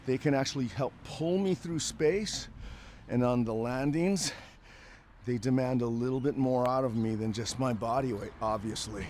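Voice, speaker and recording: An older man calmly explaining an exercise while he demonstrates it, talking through the movement step by step. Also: medium pitch, moderate pace, slight background noise. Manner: calm, explanatory, thinks aloud between movements. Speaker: fitness coach.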